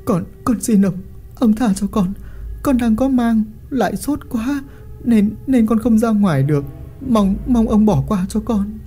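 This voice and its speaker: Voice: mid-range voice, animated, moderate pace, mellow, soft background music, voice pushed up, close to an everyday voice. A reader voicing a frightened, pregnant young peasant woman who stammers and pleads. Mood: pleading.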